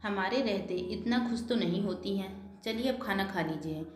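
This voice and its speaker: A woman voicing a sharp-tongued sister-in-law who speaks in a taunting, sarcastic way, recorded in an echoey room. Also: medium pitch, moderate pace, natural voice.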